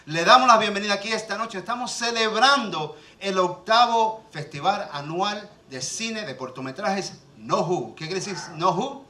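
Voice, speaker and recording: On an event hall stage, a man from Cuba with a Cuban-American accent, raised in New Jersey, hosts and emcees an awards ceremony with a joking speech. He teases the crowd, mocks himself, and fires off quick jokes in a high, animated, bright, forceful voice. The hall is roomy and his mic sounds far off.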